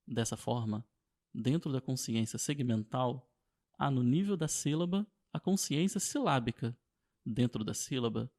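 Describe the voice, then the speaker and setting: A man narrating a scripted lesson as a teacher, in a steady, measured reading. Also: mid-range voice.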